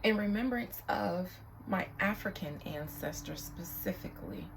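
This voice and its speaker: A woman's voice: fairly low pitch, moderate pace, gravelly, noisy background. A woman who is a spiritual reader, leading a ritual reading in an incantatory, repetitive voice that drops into whispers.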